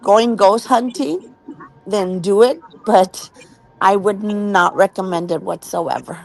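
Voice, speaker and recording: Slow, earnest woman telling a ghost story. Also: mid-range voice, vocal fry, faint music behind, poor audio. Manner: slow, earnest, repeats words when tense. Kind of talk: casual storytelling.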